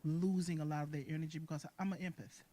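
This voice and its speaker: Expressive woman talking from a studio. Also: low-pitched, fast talker. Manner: expressive, animated, warm-hearted talk with colloquial phrasing. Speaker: singer and caregiver guest. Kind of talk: casual interview talk. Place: recording studio.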